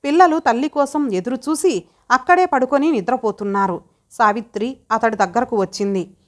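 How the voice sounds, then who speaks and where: A woman reading an audio story aloud as its narrator, in a measured, dramatic way. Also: fairly high pitch. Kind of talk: scripted narration.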